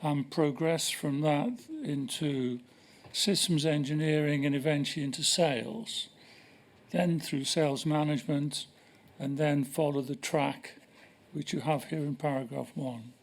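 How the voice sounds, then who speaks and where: An older man answering questions as a witness at a formal hearing, measured and hesitant, pausing often. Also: a little high, fairly even intonation. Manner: measured, hesitant, with many pauses. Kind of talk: formal testimony. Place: inquiry hearing room.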